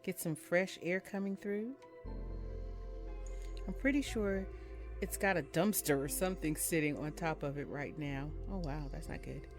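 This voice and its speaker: A woman with a low voice speaking at a measured pace. She's a game streamer doing casual let's-play commentary and reading visual novel dialogue aloud in her own voice, with music playing behind her.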